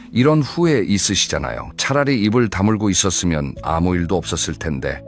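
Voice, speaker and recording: A man narrating a scripted advice talk for older listeners in a calm, measured way that speaks directly to the listener. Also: deep voice.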